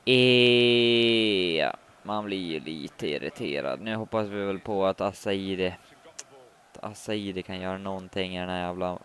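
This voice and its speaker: A man giving live commentary on his own football video game match, muttering complaints and then shouting when a goal goes in. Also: low-pitched, clear, resonant tone. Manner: swings from muttering to shouting at goals. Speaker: gaming commentator.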